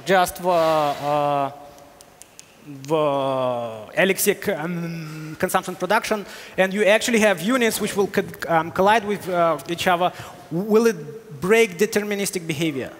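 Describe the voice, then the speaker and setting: A man's voice: sits high, unhurried, slight background noise. A man in his thirties answering technical questions on a conference stage through a headset mic, explaining with frequent hesitations. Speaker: conference speaker. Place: large hall on stage. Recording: reverberant hall.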